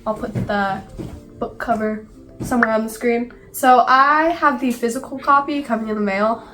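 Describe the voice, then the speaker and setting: This book vlogger has a cold and a blocked nose, talking casually at a moderate pace in her small home library while music plays. Her voice runs fairly high, and "like" turns up constantly in her chatter.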